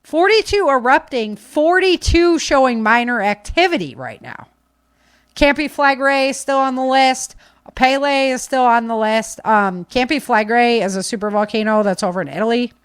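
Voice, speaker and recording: An American woman hosts a podcast, offering casual, unscripted commentary in an emphatic, conversational style. Her voice is a little high and clean-toned, at a moderate pace. The studio sound is clean with no echo.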